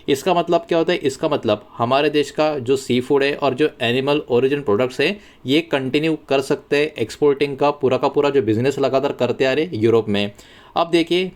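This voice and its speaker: Man explaining market news casually. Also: medium pitch. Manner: conversational, mixes English words into Hindi, repeats phrases. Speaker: stock market channel host.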